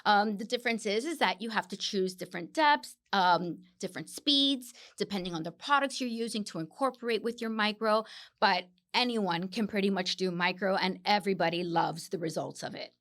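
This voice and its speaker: A woman's voice: mid-range voice, brisk, a bit bright. Upbeat woman skincare expert. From Miami, United States. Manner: enthusiastic, explanatory, frequent "um" fillers. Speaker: guest, facialist and clinical esthetician. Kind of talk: conversational interview answers.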